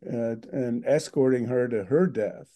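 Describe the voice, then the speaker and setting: An older man talks in an interview with a very dark, mellow voice. He speaks in a thoughtful, earnest way, pausing on fillers as he gathers his words. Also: mid-range voice. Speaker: guest filmmaker. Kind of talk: reflective interview talk.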